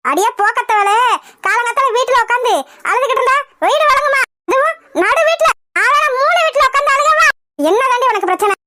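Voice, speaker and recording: A sharp-tongued old grandmother, nags and scolds in a shrill cartoon voice pitched very high. She talks quickly with a bright, cutting edge. The sound is close and dry. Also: no echo. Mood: scolding. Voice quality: shrill, nagging. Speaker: cartoon voice actor. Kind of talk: cartoon comedy voice acting.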